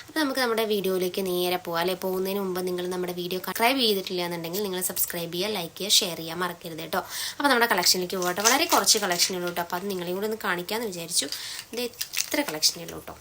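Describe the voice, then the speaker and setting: A woman's voice: lowish voice, racing, pushed and bright, a little hiss or hum. A woman with a Malayali accent showing her collection in a casual, chatty vlog, tagging her sentences with little asides. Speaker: beauty vlogger. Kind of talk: casual product showcase.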